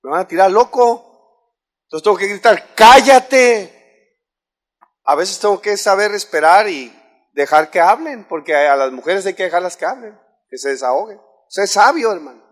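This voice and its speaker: A man with a Mexican accent, preaching a sermon as pastor, asking many rhetorical questions and swinging between loud and soft delivery. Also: sits high, animated, normal speed. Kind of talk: sermon to a congregation.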